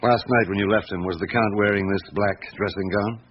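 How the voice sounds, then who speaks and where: An actor playing a patient, persistent police chief inspector questioning a witness in a radio drama, with deliberate hums and pauses. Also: male voice, on the low side, fairly even intonation, lightly acted. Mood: patient, probing. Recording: dull lo-fi radio recording with clear hiss.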